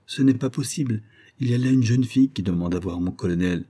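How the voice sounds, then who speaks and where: A man's voice: fairly low pitch, fast talker, warm tone, natural voice. A man voicing a dutiful manservant who explains himself deferentially, in an audiobook reading. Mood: apologetic. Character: dutiful male servant, fussy and apologetic.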